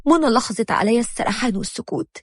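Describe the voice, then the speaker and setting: Egyptian woman storyteller, first-person drama, rapid and slightly high, dry close sound. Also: lively intonation, breathy edge, no room sound.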